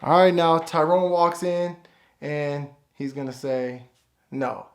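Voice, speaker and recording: A YouTuber who makes animated shorts casually explains how he films and edits his videos, thinking aloud in an offhand way as he films. His voice is a little high and slow, recorded on a phone.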